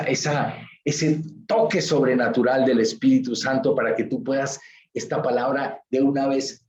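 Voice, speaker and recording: A man's voice: mid-range voice, darkish tone, roomy sound, highs cut off, slight background noise. A man preaching a sermon as pastor, emphatic and repetitive, full of rhetorical questions. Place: church.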